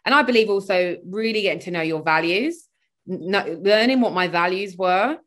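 Speaking at medium pitch and a moderate pace, this woman is a Swedish-born spiritual coach who grew up in London. She's chatting as a podcast guest via video call in a relaxed interview, wandering off topic and using plenty of filler words.

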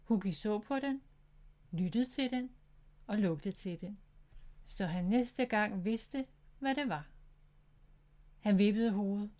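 A woman narrating a children's story in a gentle, clear reading voice. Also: medium pitch, long pauses.

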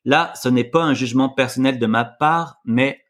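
A man's voice: medium pitch, normal speed, a bit bright. A man co-hosting a podcast, reading news items with frequent hesitations. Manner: reads news items with fillers. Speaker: podcast co-host. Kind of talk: casual podcast news chat.

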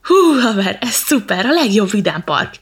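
Woman doing a little monkey, cheeky, hot-tempered, squeaky and loud, gravelly edge. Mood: excited. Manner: loud, high and excitable.

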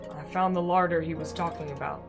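Narrator voicing a weary old great-uncle: blunt, grim, slow telling, soft music under it. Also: male voice, on the high side, steady tone, creaky, pitched above the performer's own voice.

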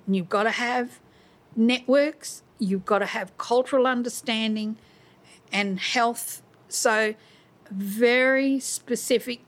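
A middle-aged woman, speaking conversationally in an outspoken, storytelling way during an interview discussion. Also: on the high side.

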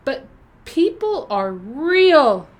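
A woman's voice: high-pitched, big pitch swings, drawn-out words. A woman co-hosting a podcast in casual, playful, rambling chat. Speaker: podcast co-host.

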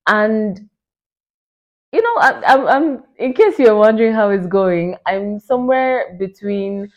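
A woman in her late twenties hosting a solo podcast, talking in an excited, chatty way full of "like" and "you know". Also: medium pitch, slow pace. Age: 20s. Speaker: podcast host. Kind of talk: casual solo podcast talk. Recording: dull lo-fi recording.

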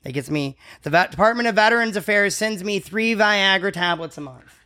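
A man's voice: sits high, brisk, sharp tone. Crude, rambling man in his forties. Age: 40s. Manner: crude, profane, rambling anecdotes. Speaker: podcast host. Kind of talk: casual comedic storytelling.

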